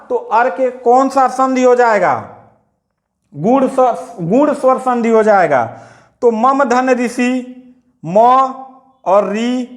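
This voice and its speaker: A male teacher giving an exam-prep grammar lesson, explaining step by step and repeating his own questions back to the listener. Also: extremely high pitch.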